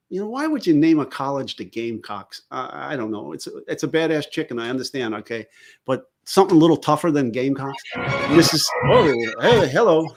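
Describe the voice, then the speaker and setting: A man on a live stream, cracking jokes as he reads out where viewers are from. His voice sits a little higher than most men's. He keeps it loose and casual. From New York. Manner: jokey, riffs on place names. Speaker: forensics guest.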